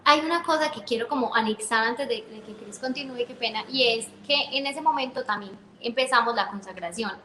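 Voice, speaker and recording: A woman telling her faith testimony in a warm, conversational way. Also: fairly high pitch, a little fast, hardly any pauses, a little hiss or hum. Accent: Colombian Spanish. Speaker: guest sharing faith testimony. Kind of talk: personal testimony storytelling. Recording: roomy echo.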